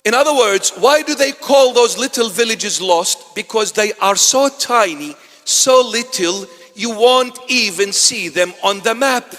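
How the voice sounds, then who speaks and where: A bishop, his voice sitting unusually high for a man, delivers a dramatic sermon. He lurches between loud exclamations and low, hushed asides with dry wit, and a long church reverb trails every phrase. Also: measured pace, hardly any pauses. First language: Assyrian.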